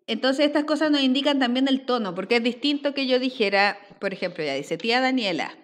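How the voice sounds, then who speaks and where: A woman's voice: high-pitched, animated, brisk. Woman teacher explaining patiently. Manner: explanatory, checks in with frequent "¿ya?". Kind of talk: recorded language lesson.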